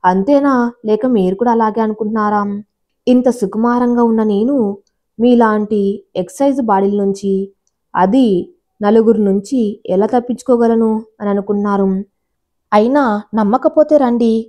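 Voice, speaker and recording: A woman's voice: fairly high pitch, moderate pace, long pauses, warm tone, natural voice. Woman voicing a coy teasing young woman. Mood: tearful.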